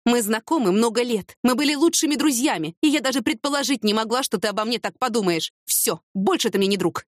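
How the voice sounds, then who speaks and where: A woman's voice: on the high side, animated, fairly quick, few pauses, dry recording, studio quality, voice pushed up. A woman reading an audiobook, voicing a fiery, impulsive young woman with heated, emphatic retorts. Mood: indignant.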